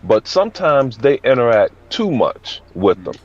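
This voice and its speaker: A man's voice: medium pitch, big pitch swings, unhurried. A man in his fifties co-hosting a podcast, speaking emphatically and with scorn. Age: 50s. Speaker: podcast co-host. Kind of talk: casual podcast banter. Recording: dull lo-fi audio.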